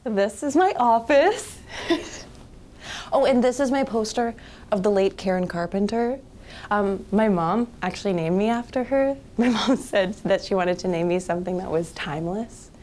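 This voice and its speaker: An actress playing a bubbly, giggly lead game designer in a mockumentary. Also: female voice, mid-range voice, moderate pace, a little mellow, a little hiss or hum, close to an everyday voice. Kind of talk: deadpan mockumentary interview.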